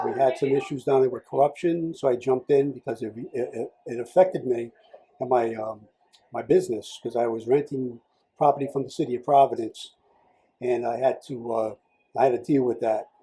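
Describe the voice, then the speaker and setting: A man's voice: mid-range voice, fairly even intonation, moderate pace, mellow, a little hiss or hum, low-quality recording. A man, a political candidate telling his story in a casual interview, rambling with many fillers and restarts. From Rhode Island.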